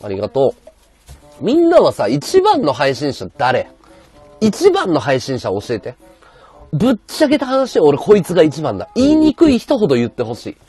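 A man livestreaming with a high-pitched voice and a sore throat, chatting bluntly and casually while reading viewer comments. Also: huge pitch swings, moderate pace, warm tone, soft background music. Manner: rough, blunt casual speech.

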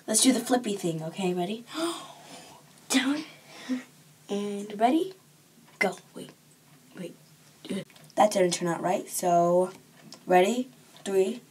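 A woman's voice: lowish voice, a little mellow, breathy edge. A teenage girl chatting casually to camera in a home vlog, rambling with lots of fillers. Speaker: vlogger. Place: home bedroom. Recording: noisy home recording, dogs barking. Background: dogs barking.

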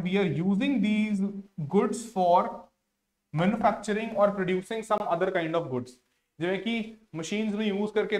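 A man's voice: high-pitched, roomy sound. A man with a Punjabi accent, an exam coaching teacher explaining multiple-choice questions, mixing in English and answering his own questions.

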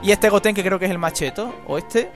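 A man's voice: sits high, fairly quick. A young man with a Spain Spanish accent commentating a fighting game, jokey and exclamatory, swearing often. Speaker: gameplay commentator. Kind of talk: excitable let's-play commentary. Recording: game music playing behind. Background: game music.

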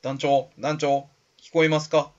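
A man voicing a small, fussy electric creature that scolds its leader in high, strained tones. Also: level tone, unhurried, natural voice. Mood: fussy, scolding. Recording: slightly dull lo-fi recording.

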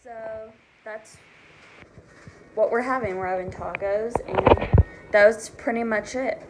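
A woman's voice: on the high side, slow, noisy background. Young woman chatting while cooking at home. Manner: relaxed, chatty, asks questions while working. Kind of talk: casual home cooking chat. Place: home kitchen, indoors. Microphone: phone camera on the counter. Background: background music.

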